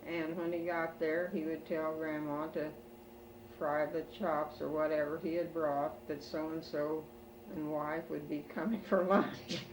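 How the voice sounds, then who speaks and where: At home in a room, an older woman with an American Midwestern accent is interviewed for an oral history and reminisces about her family's past. Her low voice is slow and halting, with pauses typical of elderly reminiscing. The recording sounds roomy and distant, with background noise.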